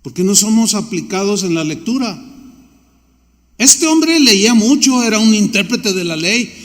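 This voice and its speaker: High-voiced pastor preaching in a reverberant hall. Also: male voice, expressive, normal speed. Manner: conversational preaching, acts out dialogue. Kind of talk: sermon.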